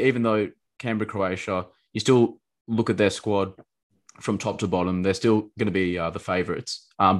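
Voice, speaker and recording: A man co-hosting a casual football podcast, hesitant, with many fillers, asking long questions. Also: sits low. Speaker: podcast co-host.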